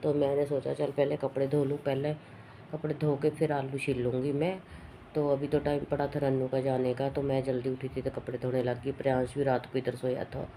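A middle-aged woman with a hoarse throat from a cough, chatting casually and rambling through her day at home in a vlog. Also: rumbling low, flat delivery, a little fast, dark tone, slight background noise. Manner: rambling, matter-of-fact. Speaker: vlogger.

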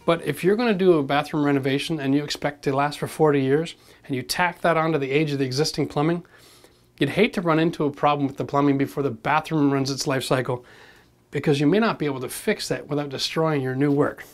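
A man's voice: on the high side, fast talker. Man giving a hands-on renovation lesson. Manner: direct, practical, addresses viewers as folks. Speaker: renovation show host. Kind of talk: hands-on how-to demonstration. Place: gutted bathroom in an old brick building, indoors.

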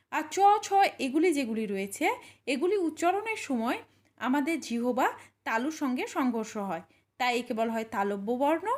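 Lively, high-voiced woman patiently teaching. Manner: patient, demonstrates sounds slowly, addresses the listener directly. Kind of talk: explaining pronunciation to learners.

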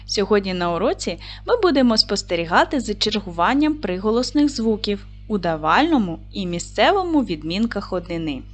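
A woman teacher giving a video lesson to young children, speaking slowly and clearly, drawing out words for dictation and encouraging the class. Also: mid-range voice, sing-song, soft background music. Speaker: primary school teacher.

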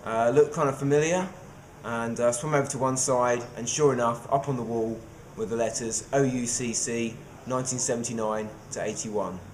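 At normal speed and with hardly any pauses, a mid-range male voice recaps a cave dive during an interview, a little hiss or hum underneath. He's easygoing and understated, with plenty of "uh" fillers.

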